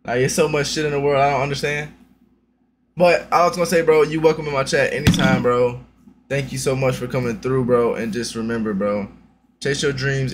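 Over background noise, a young man with a medium-pitched voice does reaction commentary on a stream through a headset, brash and profane and loaded with loose slang.

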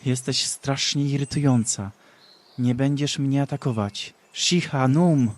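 A man's voice: mid-range voice, steady tone, normal speed, darkish tone, lightly acted. A man doing a proud young heroine goddess. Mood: indignant.

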